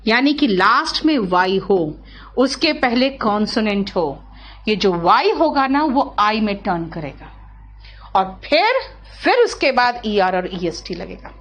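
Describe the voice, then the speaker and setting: With a very animated, medium-pitched voice that's a bit bright, a woman teacher leads a grammar lesson, spelling out words slowly one syllable at a time while asking her students questions to be sure they follow.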